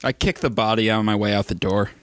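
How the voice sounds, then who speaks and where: A man's voice: fairly low pitch, steady tone, fast, dry recording. A man playing in a tabletop game, casual, blunt and wisecracking. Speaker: player.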